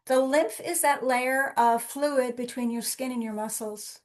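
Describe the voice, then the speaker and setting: A woman leading a wellness session over a video call, with a calm, instructing manner, speaking directly to her listeners. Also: high-pitched, measured pace. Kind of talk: guided relaxation and live workshop talk.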